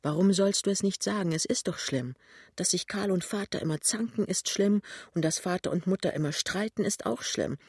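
A woman reader voicing a young, earnest shop assistant, talking in quick, pleading bursts in an audiobook. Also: mid-range voice, a little mellow, husky, no echo, clean studio sound, voice pushed up. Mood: earnest, lively. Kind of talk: audiobook reading.

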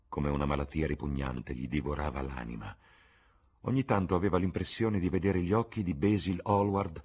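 A man reading a classic novel aloud in a slow, measured storytelling manner, as an audiobook. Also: very deep voice, a little mellow, husky. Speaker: audiobook reader. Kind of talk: literary audiobook narration.

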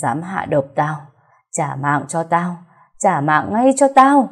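A wrathful old ghost growls out his threats in a low, gruff, booming voice, as a woman storyteller puts him on. He sounds raspy and menacing. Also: sing-song, slow pace, full character voice. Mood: vengeful. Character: dead old master's ghost, vengeful and menacing.

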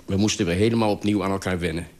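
A man's voice: low voice, steady tone, rapid-fire, darkish tone. A man reading out a humorous, self-mocking radio column in a dry, wry manner.

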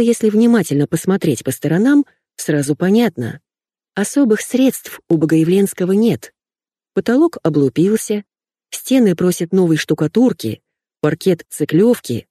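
A woman with a lowish, expressive voice narrates an audiobook in the first person. The recording is dry, with clean studio sound.

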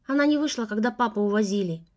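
A woman narrating a first-person story as an audiobook in a steady storytelling manner. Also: medium pitch, fast.

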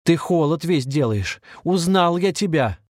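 A man's voice: medium pitch, fairly quick, warm tone, dry recording, studio quality, lightly acted. A man voicing a fervent, feverish young ex-soldier who talks earnestly about a plague and hope. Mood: frantic shouting.

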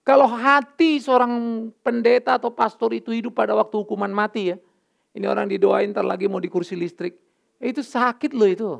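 A man's voice: sits high, a little fast, gravelly. A middle-aged male pastor giving a candid, emotional sermon, mixing English words into his talk.

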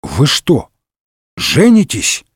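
A man voicing an excitable young Gascon musketeer in a comic audiobook. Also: medium pitch, moderate pace, dry recording, clean studio sound. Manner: excitable, exclamatory.

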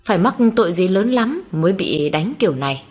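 A woman's voice: fairly low pitch, animated, brisk, breathy edge, soft background music. A woman reading a dramatic story aloud as narrator.

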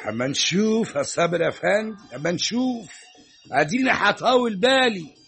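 Picture a skeptical middle-aged Egyptian butcher grumbling at a neighbor in a classic radio play. His voice is gravelly and bright, high for a man. The lines come quick and lively in pitch. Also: heavily acted. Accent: Egyptian Arabic. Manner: complaining, skeptical. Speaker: butcher shop owner.

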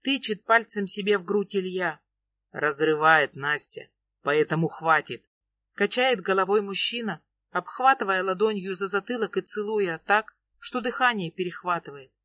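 A woman's voice: mid-range voice, a bit bright, no echo. Woman narrating an emotional romance. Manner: emotional, measured storytelling. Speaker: audiobook narrator. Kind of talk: first-person romance narration.

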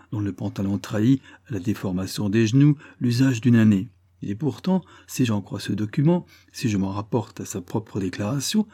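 A man's voice: medium pitch, warm tone, dry recording, natural voice. A man reading the part of a shrewd, sardonic male detective who talks in a dry, probing, lightly ironic way.

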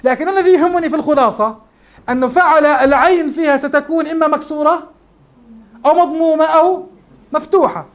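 A man's voice: extremely high pitch, quick pace. A man teaching morphology in a classroom lecture, explaining step by step and asking his students questions.

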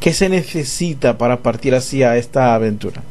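A man's voice: medium pitch, a little fast, darkish tone, slight background noise. A man hosting a radio interview, rambling and restarting his questions as he goes. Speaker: radio show host.

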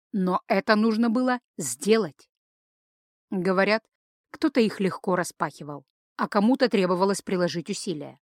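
Calm woman narrating an audiobook, dry close sound. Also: medium pitch, no room sound. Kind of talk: scripted narration.

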